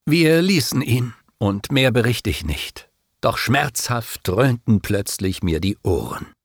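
A man reads an epic poem aloud in an expressive, declamatory way. His voice is gravelly and slow-paced, with a lively melody, and the recording is dry and close. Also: mid-range voice, no room sound. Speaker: narrator. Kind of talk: dramatic reading of an epic poem.

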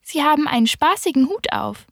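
A woman puts on a small, earnest boy prince with a lifted, youthful voice, asking his questions clearly and insistently. He speaks close and dry, with no room sound around him, as in a storybook recording. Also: sits high, lively intonation, brisk, a bit bright, dry recording, pitched above the performer's own voice, exaggerated voice. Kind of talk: audiobook character voice.

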